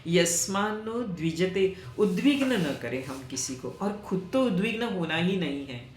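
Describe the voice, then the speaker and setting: A woman teaching scripture, chanting Sanskrit verses slowly and then explaining them in everyday conversational speech. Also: fairly low pitch, very animated, roomy sound, a little hiss or hum. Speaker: Gita teacher. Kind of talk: slow explanatory teaching talk.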